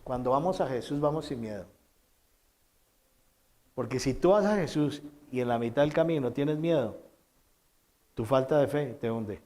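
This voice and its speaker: Emphatic Spanish-speaking pastor preaching. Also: male voice, animated, moderate pace, long pauses. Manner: emphatic preaching with repeated phrases and dramatic quotes; swings between loud quoted lines and soft low asides. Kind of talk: sermon.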